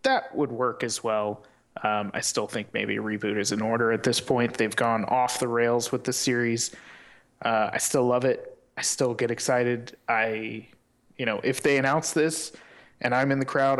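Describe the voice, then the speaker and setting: A man co-hosting a podcast, speaking casually and enthusiastically with many fillers as he gives his opinions. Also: mid-range voice. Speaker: podcast co-host.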